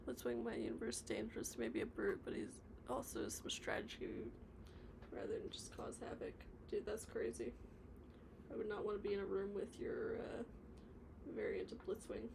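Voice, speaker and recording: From her home workspace, a woman streams her stop-motion work while animating on the floor, casually reading viewer comments and rambling in mumbled asides. She speaks at a moderate pace in a mid-range, creaky, very animated voice. Background noise is noticeable.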